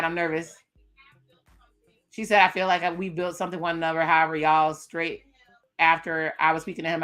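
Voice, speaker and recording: Woman, reaction host, chatty recap, slightly low voice, crisp and bright tone. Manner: casual, recaps what cast members say, chatty asides. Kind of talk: live reaction commentary.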